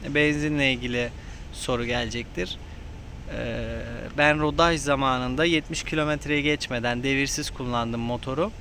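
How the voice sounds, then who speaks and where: A man's voice: mid-range voice, sharp tone, a little hiss or hum. A man giving a casual, unscripted motorcycle review from inside a helmet, explaining things a little hesitantly. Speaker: motovlogger reviewing his motorcycle.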